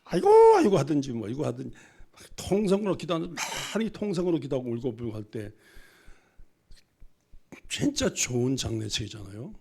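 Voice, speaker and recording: Gravelly-voiced Korean pastor preaching a sermon. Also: male voice, mid-range voice, animated, fairly quick, pauses often, a little mellow. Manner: folksy, emphatic, mimics wailing cries. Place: church sanctuary.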